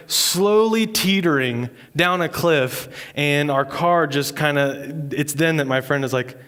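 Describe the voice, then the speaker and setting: A man's voice: a little high, fairly bright tone. A young man preaching a sermon in a church, telling a personal story in a casual, self-mocking way with laughs, then turning to scripture. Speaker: pastor.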